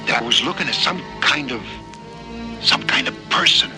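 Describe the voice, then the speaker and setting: A man plays an uneasy, folksy crewman in a storybook space drama. His pitch is average and music plays behind him. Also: lively intonation, normal speed, lightly acted.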